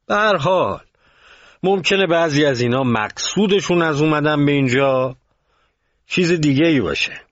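A man's voice: medium pitch, very animated, a bit bright, dry recording, pitched above the performer's own voice. A man voicing a doubtful, cautious male camp official who keeps pressing his point. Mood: worried insistent. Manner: wary, pressing. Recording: dull muffled recording.

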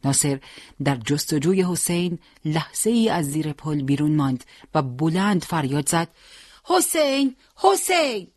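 A storyteller narrating a dramatic war story in a steady, solemn way. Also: mid-range voice, dry recording, studio quality.

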